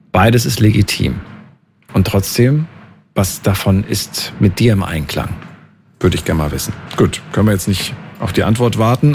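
A man's voice: on the low side, vocal fry, a little mellow, a little hiss or hum. A man hosting a podcast, casually talking through poll results, thinking aloud and correcting himself mid-sentence. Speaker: podcast host. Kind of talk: casual chat about listener poll results.

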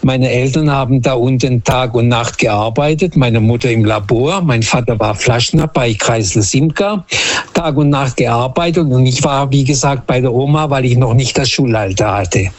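A man's voice: mid-range voice, moderate pace, dry recording. A man from Portugal calling in to a radio show and earnestly sharing a memory. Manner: earnest, heartfelt. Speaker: caller. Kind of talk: telling a story on a radio phone-in.

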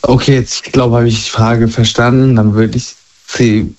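A man's voice: mid-range voice, level tone, darkish tone. Young guy in his 20s, hesitant personal chat, kinda dull muffled recording. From Germany. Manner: halting, searching for words. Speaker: guest. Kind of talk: candid personal conversation. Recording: dull lo-fi sound.

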